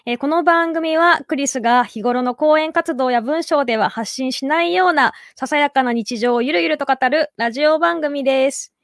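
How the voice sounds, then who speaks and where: Woman host with a high voice and dry, close sound, polite and friendly in casual chat. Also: moderate pace, few pauses, no echo. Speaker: radio show host. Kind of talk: casual live-recorded chat.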